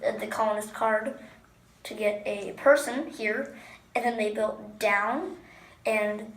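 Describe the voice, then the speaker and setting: A woman's voice: medium pitch, slow. A woman co-hosting a casual board game review, matter-of-fact and walking through strategy step by step. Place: room in Minnesota. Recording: echoey room with faint background noise.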